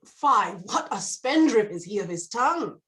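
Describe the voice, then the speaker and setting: Woman acting a lively, mocking courtly schemer. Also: fairly high pitch, moderate pace. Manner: flippant, quipping, mocking. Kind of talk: Shakespearean stage drama performance.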